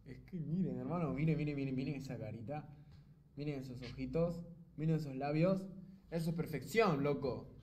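A man on a live video chat, flattering and teasing the woman he is talking to, often dropping into a soft low voice. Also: a little fast. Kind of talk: casual flirty video chat. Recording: faint background noise.

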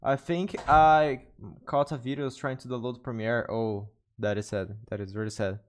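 Streaming from his bedroom through a desk studio mic with headphones, a young man from Brazil talks casually with viewers. He is a native Portuguese speaker with a Brazilian Portuguese accent, and his English comes out hesitantly, with frequent self-corrections. His mid-range voice holds a steady tone at normal speed.

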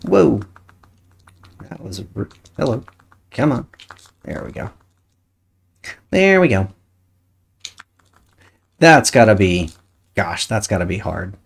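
A woman's voice: very deep voice, expressive, slow, vocal fry, pauses often, breathy edge. Chatty woman streamer muttering at a game. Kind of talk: casual chat while playing a game.

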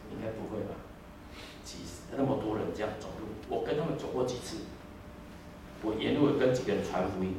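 Taiwanese-accented guy in his 50s preaching, lively storyteller, big echoey hall, sounds a bit far from the mic. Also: lowish voice, a little hiss or hum. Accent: Taiwanese Mandarin. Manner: animated, switches into Taiwanese, sings snatches. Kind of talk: sermon with storytelling and singing. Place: church hall.

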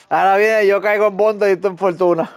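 A man chatting casually while playing an online game with a friend, teasing him and breaking into excited shouts. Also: high voice, dry recording. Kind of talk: casual gaming chat.

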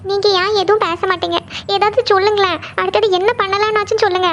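A woman's voice: extremely high pitch, steady tone, fast, fairly bright tone, slight background noise. A woman voicing a tearful young woman in love who pleads for help. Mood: pleading. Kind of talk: cartoon voice acting. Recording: dull lo-fi recording.

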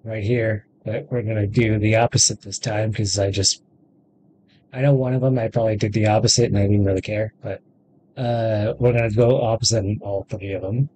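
A little fast and fairly low-pitched, this man's dark voice stays fairly even as he gives offhand let's-play commentary in his thirties as a gaming video host. The low-quality recording has a little hiss or hum, along with faint game music and video game audio.

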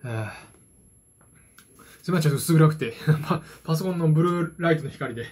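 Casual solo vlogger, man in his 40s, husky and slightly high-voiced, self-deprecating ramble. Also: quick pace, a little mellow. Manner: self-deprecating, hesitant asides. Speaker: vlogger, card game hobbyist. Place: small dim room at home, indoors. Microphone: phone propped at arm's length.

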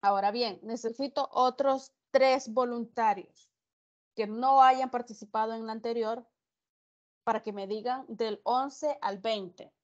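A woman's voice: a little high, steady tone, measured pace, lo-fi sound. A woman teaching an English class online, explaining patiently and repeating the numbers. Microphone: video call.

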